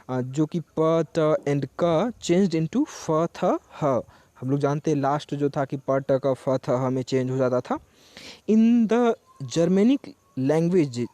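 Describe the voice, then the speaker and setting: A man giving a lecture, reading English lines slowly and then explaining each one in Hindi. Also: on the high side, dark tone, dry recording. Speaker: teacher. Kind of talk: lecture explaining text line by line.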